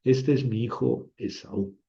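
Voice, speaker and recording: A man's voice: mid-range voice, fairly even intonation, unhurried, vocal fry, dark tone, dull audio. A man lecturing retells a scheming mother's words, coaxing and urgent, with the voice raised a little. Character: scheming mother, older woman, protective.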